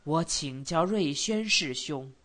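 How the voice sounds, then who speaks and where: A woman reading an audiobook voices a gentle older male scholar who speaks softly and in a measured way. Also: lively intonation, exaggerated voice. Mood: sorrowful. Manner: soft, low-voiced, measured.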